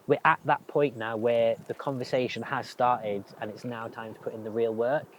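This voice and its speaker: A man's voice: medium pitch, steady tone, moderate pace, slight background noise, poor audio. A man making a documentary, talking thoughtfully and agreeably with the people he interviews. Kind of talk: conversational interview.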